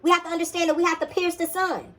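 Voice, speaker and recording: Very high-voiced woman preaching bluntly. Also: level tone, quick pace. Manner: emphatic, blunt, swears freely, repeats commands; casual slangy preaching straight to listeners. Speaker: spiritual teacher. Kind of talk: profane motivational sermon.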